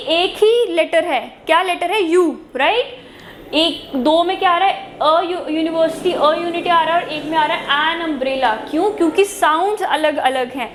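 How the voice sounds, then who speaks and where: Woman tutor, high voice, asks and answers her own questions, roomy sound with faint noise. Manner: mixes Hindi with English phrases. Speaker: teacher. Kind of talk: exam-prep grammar lesson. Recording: echoey room with faint noise.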